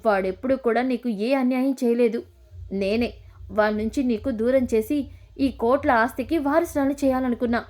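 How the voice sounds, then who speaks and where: A sharp-tongued, scheming elderly grandmother, read aloud by a woman storyteller. She fires off scolding, demanding questions in a fairly high voice. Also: normal speed, lightly acted. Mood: furious.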